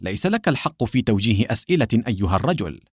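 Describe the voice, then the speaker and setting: A man reading a cunning male agent in an audiobook, putting on fake fury with a lower voice that swings up and down a lot, theatrical and sharp-edged, dry close sound. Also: very animated, racing, breathy edge, no echo. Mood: feigned anger. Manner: mock-angry, theatrical. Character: cunning male secret agent feigning anger.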